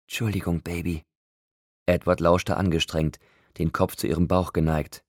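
A man reading an audiobook in a calm, even storytelling manner. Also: low voice, moderate pace, no room sound, clean studio sound. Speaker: audiobook narrator. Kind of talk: audiobook narration.

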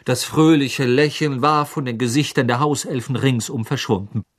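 A man narrating an audiobook in calm, even storytelling. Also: medium pitch, moderate pace, breathy edge.

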